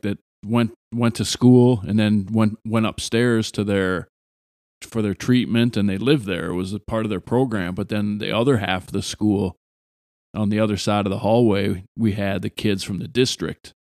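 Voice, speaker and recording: Low-voiced guy, loud and blunt, a bit sarcastic, dry close sound. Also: no room sound. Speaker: podcast host, former teacher. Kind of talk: casual conversation.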